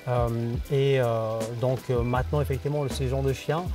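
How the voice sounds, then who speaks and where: A man's voice: medium pitch, steady tone, normal speed, over music. A man, a disinfection professional answering interview questions earnestly, often hesitating with fillers.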